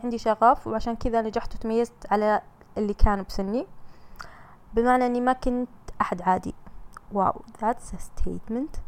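A young woman with a Saudi Gulf accent hosts a casual solo podcast from a home mic. She talks very fast in a slightly high voice. Her manner is chatty, teasing and comforting. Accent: Saudi Gulf Arabic. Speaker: podcast host reading listener messages.

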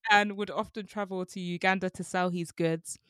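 A woman's voice: medium pitch, fairly even intonation, normal speed, fairly bright tone, no echo, clean studio sound. A young woman, co-hosting a casual book discussion podcast, chatty with many fillers and frequent laughs. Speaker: book club podcast co-host.

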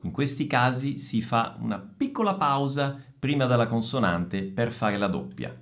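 A man teaching Italian pronunciation, saying each word twice with slow, deliberate care. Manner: lively, expressive pitch. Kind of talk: pronunciation lesson.

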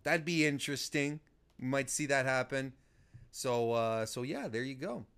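A man's voice: mid-range voice, normal speed, fairly bright tone, clean tone. A man hosting a casual wrestling preview chat, upbeat and enthusiastic as he asks questions and reads the chat. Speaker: host.

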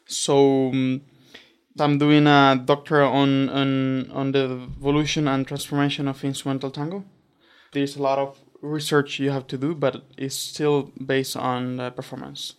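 A man's voice: medium pitch, flat delivery, a little slow, clean tone. A young man from Argentina, talking as a guest in a casual interview, hesitant with many fillers and restarts. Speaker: doctoral student guest.

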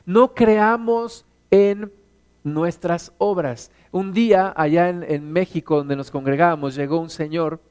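A middle-aged Mexican man preaching a sermon as pastor, animated, acting out stories in put-on voices. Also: a little high, measured pace, clear, resonant tone. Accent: Mexican Spanish.

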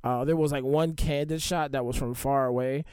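A man's voice: medium pitch, steady tone, moderate pace, a little mellow, clean tone, no room sound, clean studio sound. A man chatting informally and candidly as a podcast host. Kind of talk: casual podcast chat.

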